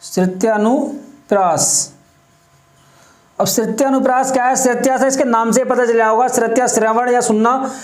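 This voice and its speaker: Male grammar teacher, very high voice, slow deliberate explaining, echoey room. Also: flat delivery. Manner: repeats terms and examples slowly, checks in with "ठीक है". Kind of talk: explanatory classroom lesson.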